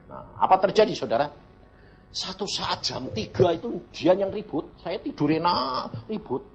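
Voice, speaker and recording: Animated older man preaching with stories. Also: high voice, moderate pace, vocal fry, highs cut off. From Central Java, Indonesia. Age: around 80. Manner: animated, chuckling anecdotal delivery, addresses listeners as brothers. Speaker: evangelist preacher. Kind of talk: storytelling sermon.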